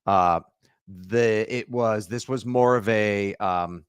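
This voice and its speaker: Animated jokey man on a podcast. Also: on the low side, slow pace, clean tone, no echo. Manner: animated, jokey, slips into silly voices. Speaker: podcast co-host. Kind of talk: casual sports podcast chat.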